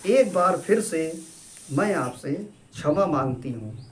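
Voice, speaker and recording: A man's voice: fairly high pitch, big pitch swings, unhurried, a little hiss or hum. A man voicing a grieving young wife reading out her farewell letter, pleading and sorrowful, in a storybook reading.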